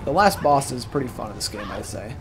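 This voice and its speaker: Medium-pitched and animated, a man speaks fairly quickly over gameplay in a joking, casual let's-play walkthrough, rambling into self-deprecating remarks. Game music and background noise sit behind him.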